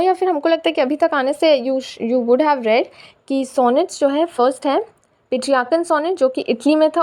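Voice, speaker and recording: Indian woman, teacher, high voice, explains patiently step by step. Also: a little mellow. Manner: explains step by step, often repeating "theek hai"; reads English lines slowly and carefully. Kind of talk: poetry lesson mixing Hindi and English.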